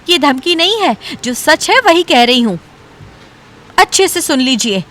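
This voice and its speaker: A woman's voice: sits high, very animated, a little slow, fairly bright tone, full character voice. A woman voicing an earnest young daughter-in-law who stands up for her father in a cartoon story. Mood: defiant. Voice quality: earnest, firm. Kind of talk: cartoon voice acting.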